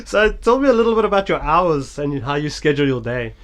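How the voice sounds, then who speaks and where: A man's voice: on the high side, very animated, fairly quick, a bit bright. A man hosting a casual interview, chatting informally and jokingly as he asks questions.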